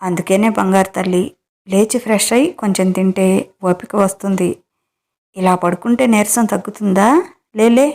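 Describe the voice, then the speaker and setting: A woman's voice: mid-range voice, fairly even intonation, moderate pace, darkish tone, close to an everyday voice. A woman voicing a cocky, teasing young man in a romance audio story, with a breezy, dismissive manner.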